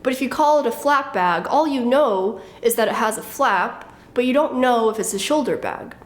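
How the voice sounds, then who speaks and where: A woman's voice: on the high side, expressive, normal speed. A woman in her thirties explaining things in a casual show-and-tell vlog, in a wry, matter-of-fact way. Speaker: fashion vlogger.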